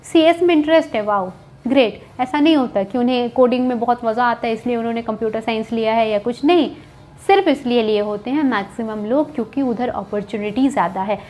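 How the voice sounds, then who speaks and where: High-voiced young woman giving candid advice. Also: fast talker, a little mellow. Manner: candid, chatty, mixes English words into speech, keeps asking "right?". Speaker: coding educator on a video channel. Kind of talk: casual advice talk to students.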